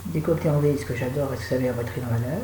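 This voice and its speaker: A low-pitched woman talks casually to her viewers from home, chatty and self-mocking, wandering from thought to thought. Her voice sits deep for a woman, the room adds a noticeable echo, and a faint hum of ambience runs underneath. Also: rapid-fire. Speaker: vlogger. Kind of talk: casual chat to camera.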